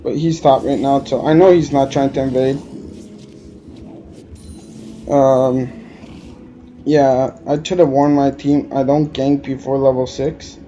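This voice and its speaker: With a warm, mid-range voice and a level tone, a man from Alberta, Canada, talks unhurriedly over his gameplay. His English has a Quebec French tinge, and he rambles and hesitates, dropping plenty of "uh" fillers. The audio is dull, with slight background noise.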